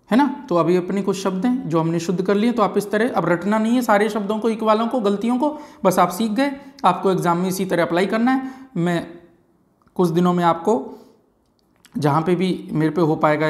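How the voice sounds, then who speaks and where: A high-pitched male instructor gives an exam-prep grammar lecture. Key words get slow repetition, and "है ना" and "ठीक है जी" come up often as check-ins.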